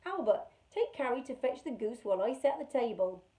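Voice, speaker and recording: A woman's voice: a little high, sing-song, brisk, warm tone. A woman reading aloud and voicing a kindly, motherly farmhouse woman who speaks soothingly. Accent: throaty non-Welsh.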